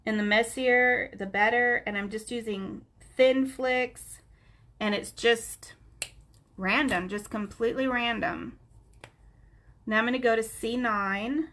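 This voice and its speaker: A coloring instructor on a live stream speaks with a somewhat high, slightly bright voice that's nasal from a stuffy nose. She keeps things casual, chatting with her viewers by name.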